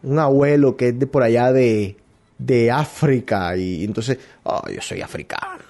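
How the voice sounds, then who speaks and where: A man's voice: medium pitch, measured pace, a little mellow. Rambling Colombian man hosting a show. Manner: rambling, hesitant, with many restarts. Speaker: radio show host. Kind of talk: casual opinion monologue.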